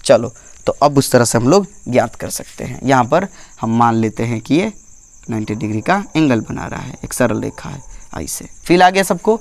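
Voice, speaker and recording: A man's voice: medium pitch, animated, normal speed. A male physics teacher giving a classroom lecture, repeating phrases and checking often whether the class follows.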